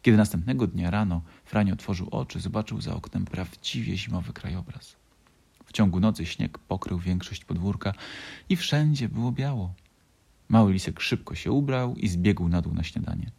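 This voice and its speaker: A man gently narrating a children's storybook. His low voice carries a creaky, husky grain, and his intonation moves in a lively, expressive way. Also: moderate pace.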